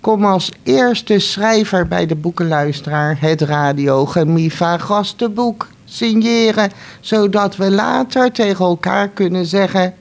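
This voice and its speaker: A woman's voice: mid-range voice, measured pace. A woman hosting a radio show, speaking cheerfully with a guest in the studio. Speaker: radio host.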